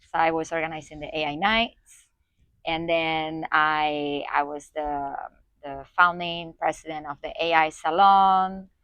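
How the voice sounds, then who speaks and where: A woman with a low voice speaks as an interview guest. She talks haltingly and stops often for fillers and restarts. The sound is dry and close. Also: steady tone, fairly bright tone, smooth, dry recording. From Spain. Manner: hesitant, many fillers and restarts. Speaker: guest, community organizer. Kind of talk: conversational interview.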